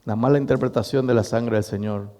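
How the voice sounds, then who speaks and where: A middle-aged pastor preaches to his congregation, speaking to them directly as he tells a story. His voice is mellow and sits at an ordinary pitch for a man. The sound rings with the long reverb of a church hall. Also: a little fast. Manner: storytelling, addressing the congregation as brothers, animated. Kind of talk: sermon.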